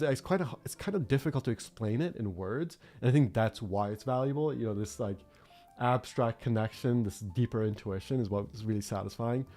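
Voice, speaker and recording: While drawing on a livestream, a young art streamer from Norway talks in a dark, mid-range voice. His chat is loose and thoughtful, wandering along with frequent fillers and false starts.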